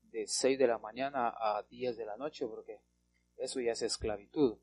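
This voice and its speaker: A man preaching a Bible teaching sermon, speaking emphatically, stretching key words slowly, often asking rhetorical questions and calling his listeners brother. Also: mid-range voice, steady tone, a little mellow, breathy edge.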